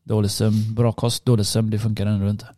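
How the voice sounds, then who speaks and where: A man's voice: on the low side, little pitch movement, warm tone, dry recording, clean studio sound. A worn-out man in casual chat, telling a story with lots of swearing. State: tired, worn out.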